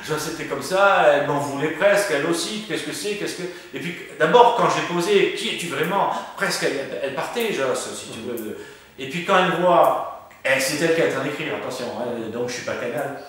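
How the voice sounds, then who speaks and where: Animated man telling a story, echoey room. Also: on the high side, a little fast, recorded from a distance. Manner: lively, acts out quoted voices, frequent fillers. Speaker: medium telling ghost stories.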